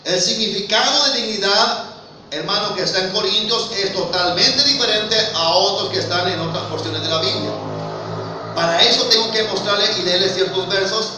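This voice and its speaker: A man's voice: high voice, moderate pace, noisy background. A man with a Mexican accent preaching a sermon, emphatic and full of rhetorical questions, calling listeners "brother". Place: church hall. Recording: very echoey hall, voice from far off.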